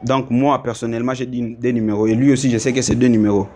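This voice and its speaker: A man's voice: mid-range voice, little pitch movement, quick pace, warm tone, a little hiss or hum. A man from Congo, a musician, talking about his music in a casual interview, thinking aloud with many fillers. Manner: thoughtful, explains at length with fillers. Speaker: musician guest.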